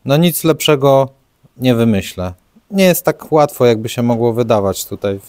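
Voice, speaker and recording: A young car mechanic vlogger talks frankly and casually while working on an engine in an open home garage, rain falling outside. His mid-range voice has lively intonation, a moderate pace and a slightly mellow tone. His how-to commentary is chatty and self-deprecating.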